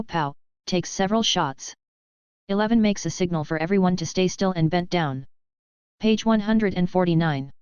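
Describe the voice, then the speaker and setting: A woman narrates an adult fiction audiobook with an even, steady reading. Her voice is very smooth and fairly low. The audio is dry and a bit dull. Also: no room sound.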